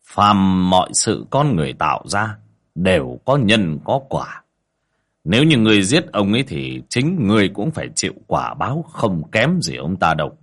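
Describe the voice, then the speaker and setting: A man doing a stern, deep-voiced old exorcist. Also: sing-song, normal speed, creaky, fairly bright tone, full character voice. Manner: commanding, scolding. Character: stern old male exorcist master, impatient.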